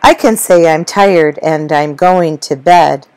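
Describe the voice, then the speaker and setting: A woman reading as a greedy male seagull from a storybook, bragging and insisting on more fish. He speaks slowly in rhyme, low and steady. The sound is dry and close. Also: clear, resonant tone, dry recording, poor audio. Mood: insistent. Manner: boastful, insistent. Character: hungry demanding male seagull.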